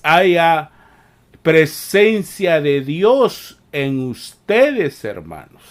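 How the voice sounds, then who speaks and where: A man delivers a sermon at a deliberate, unhurried pace. His voice sits fairly high and climbs higher and harder when he rebukes. He leans on repeated amens and restarts. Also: big pitch swings. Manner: slow, repetitive preaching with frequent "amén" and "mire"; rises in pitch and force when scolding. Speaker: preacher.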